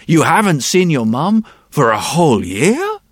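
A man's voice: on the high side, wildly swooping pitch, unhurried, breathy edge, dry recording, studio quality, exaggerated voice. A man as a patient, disbelieving policeman. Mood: incredulous. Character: patient, incredulous neighbourhood policeman.

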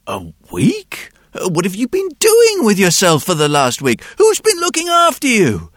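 A patient local policeman, as a man reads him aloud questions a lost child in a lively, rising voice full of disbelief. His tone climbs and dips a lot, and the sound is dry and close. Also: sits high, moderate pace, no room sound, pitched above the performer's own voice, full character voice. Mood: incredulous. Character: patient, incredulous neighbourhood policeman.

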